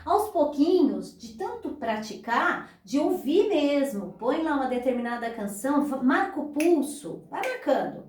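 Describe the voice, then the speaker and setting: A woman's voice: high-pitched, very animated, a little slow, hardly any pauses, darkish tone. A woman teaching beginners guitar, explaining patiently step by step and counting beats aloud. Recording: echoey room, voice a bit far from mic, guitar playing.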